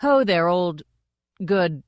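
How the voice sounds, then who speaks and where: A woman's voice: lowish voice, animated, takes it slowly, no room sound, clean studio sound. A woman voicing a nervous young male actor who speaks anxiously and ingratiatingly.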